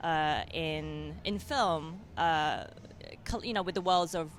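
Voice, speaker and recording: A young adult woman from England, speaking with an English accent, answers interview questions as a film director. She talks slowly in a low-pitched voice with a slight hiss or hum, sounding hesitant with many fillers and restarts.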